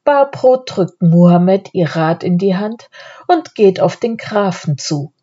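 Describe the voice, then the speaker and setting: Calm female storybook narrator, low-pitched and unhurried, mellow, slightly dull recording. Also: husky. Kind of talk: audiobook reading.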